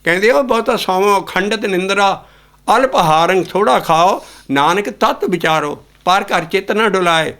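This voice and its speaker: A man's voice: high voice, animated, moderate pace, fairly bright tone. A man preaching a Sikh sermon, explaining scripture lines and then singing them. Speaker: kirtan singer and preacher.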